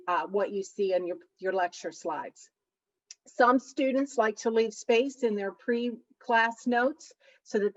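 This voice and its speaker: Leaning heavily on her key points, a middle-aged college instructor presents on study skills with a big, emphatic voice that sits a little high. She is speaking into a computer mic for an online session, but from a distance, so the recording comes out muffled.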